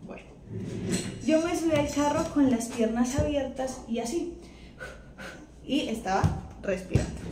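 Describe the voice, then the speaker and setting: A woman's voice: fairly high pitch, noisy background. A young woman with a Colombian accent, chatting casually as she tells a personal story and acts out what others said. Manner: chatty, animated retelling with acted-out quotes. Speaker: vlogger. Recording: echoey room, faint ambience.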